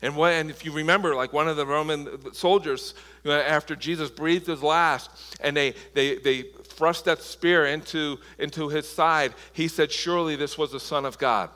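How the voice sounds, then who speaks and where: A man's voice: on the high side, steady tone, moderate pace, hardly any pauses, sharp tone. A man preaching a sermon as pastor, impassioned, often restarting and repeating words. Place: church sanctuary. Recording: long reverb of a large hall.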